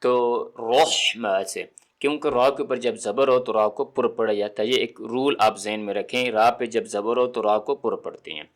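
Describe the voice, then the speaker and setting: A man teaching recitation, patiently repeating each sound slowly and checking that the listener follows. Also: mid-range voice, steady tone. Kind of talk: step-by-step tajweed lesson.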